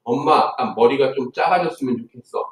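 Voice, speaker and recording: A man's voice: mid-range voice, a little fast, lightly acted. A man voicing a sad young child who pleads with his mother about being teased. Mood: sulky. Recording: echoey room, distant mic.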